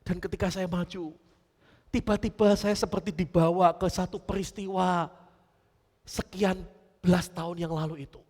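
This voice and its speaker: A male pastor preaching a storytelling sermon, often turning to his congregation and swinging between loud emphasis and hushed lines. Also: high-pitched, moderate pace. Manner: animated storytelling, often addressing listeners as brothers and sisters. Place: church. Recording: long church reverb.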